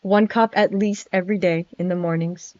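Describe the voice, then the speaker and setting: A woman's voice: lowish voice, steady tone, moderate pace, darkish tone, dry recording. A woman streaming in character as a friendly male vampire prince, chatting casually, giggling nervously and stammering. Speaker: virtual streamer. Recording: dry, dull lo-fi mic.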